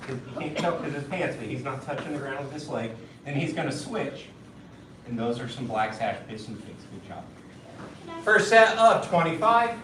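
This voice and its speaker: A man leading a martial arts class through exercise drills, calling out loud counts and commands, then explaining each move calmly. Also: medium pitch, fairly quick. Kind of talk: leading a children's fitness drill. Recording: echoey hall, distant mic, loud noise.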